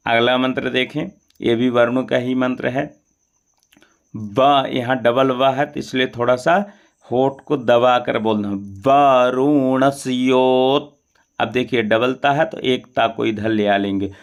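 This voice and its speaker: A man teaching Sanskrit mantra pronunciation, chanting each syllable slowly and at length between explanations. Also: medium pitch, creaky.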